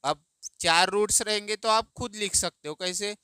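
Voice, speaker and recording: A man teaching math in Hindi, explaining slowly and patiently, asking and answering his own questions. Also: high-pitched, pushed and bright, clean tone, no room sound, clean studio sound.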